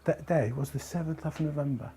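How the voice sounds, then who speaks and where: A middle-aged Algerian man, not a native English speaker, casually and hesitantly recalls past events, repeating words as he goes. His voice is a little high, brisk and dark, captured with clearly noisy documentary location sound.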